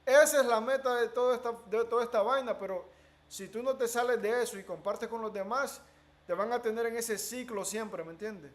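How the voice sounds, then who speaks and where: A man with a noticeably high voice who talks in an animated, storytelling way during a casual conversation. He drops English words into his speech. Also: brisk. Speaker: interviewee.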